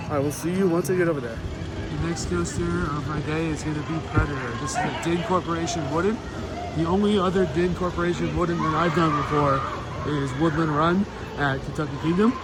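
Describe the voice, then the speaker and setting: A man with a slightly high voice talks in a conversational, matter-of-fact way, like a vlogger giving a casual review to camera. He is recorded outdoors at an amusement park, with clear background noise around him.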